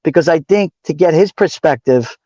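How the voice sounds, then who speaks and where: Brooklyn accent guy, kinda high voice, earnest casual livestream chat, slightly dull dry sound. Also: normal speed, dark tone, no room sound. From New York City, raised in Brooklyn. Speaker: livestream moderator and cameraman co-host.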